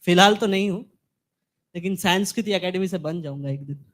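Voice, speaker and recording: A man playing an observant young cafe waiter in a comedy sketch, quick and matter-of-fact. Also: high voice, fairly bright tone.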